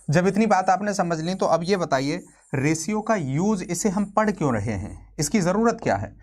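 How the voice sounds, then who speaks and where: A man in his twenties teaching a maths lesson for exams, chatty and joking, asking questions and then answering them himself. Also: a little high. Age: 20s. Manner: chatty and joking, calls viewers friend. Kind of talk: exam-prep lesson.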